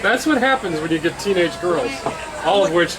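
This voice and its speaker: A middle-aged man chatting casually, speaking haltingly and trailing off mid-sentence. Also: sits high, lively intonation. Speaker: guest eating hot wings in a challenge. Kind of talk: casual chat. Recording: noisy outdoor setting with hiss.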